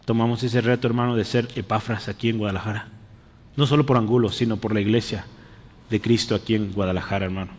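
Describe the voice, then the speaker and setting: Preacher in a reverberant church. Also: male voice, lowish voice, fairly even intonation, fast. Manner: keeps checking in with the congregation, calling them brother. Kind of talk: interactive sermon.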